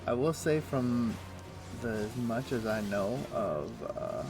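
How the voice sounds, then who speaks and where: Over music, a man with a mid-range voice speaks slowly as he streams a game from home through a headset. His chat is laid-back, full of fillers like um and uh as he thinks out loud.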